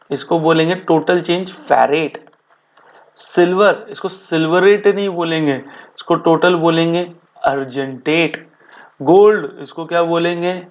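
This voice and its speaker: A male chemistry teacher giving a board exam revision lecture in casual Hindi, asking rhetorical questions and answering them himself, repeating key terms slowly. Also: a little high. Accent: Hindi-speaking Indian. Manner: addresses students as beta and bhaiya.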